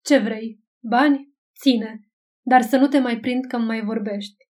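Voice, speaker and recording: A woman reading an audiobook, voicing a cold, irritable young gentleman who snaps curtly. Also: a little high, fairly even intonation, distant mic, close to an everyday voice. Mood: irritated. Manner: curt and snapping.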